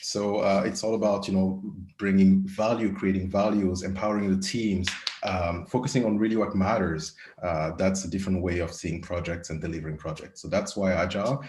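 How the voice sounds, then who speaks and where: A man from West Africa, an agile coach, introducing himself on a panel with many pauses and ums. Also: low voice, steady tone, a little mellow, roomy sound. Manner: hesitant, many ums and uhs.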